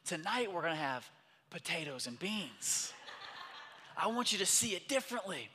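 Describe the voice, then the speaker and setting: A man putting on a high, beaming, doting dad. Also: big pitch swings, moderate pace, pushed and bright, husky, exaggerated voice. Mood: upbeat, coaxing. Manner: upbeat, coaxing, reassuring. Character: cheerful doting father soothing his daughter. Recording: long hall reverb.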